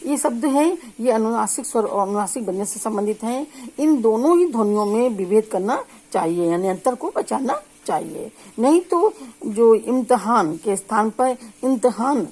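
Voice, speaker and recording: A woman teacher explaining speech sounds in a lecture, drawing out sample syllables slowly and often checking in with listeners. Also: fairly high pitch, lively intonation, a little mellow, rough recording. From India. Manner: slow, drawn-out sample syllables with frequent check-ins. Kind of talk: spoken lecture on phonetics.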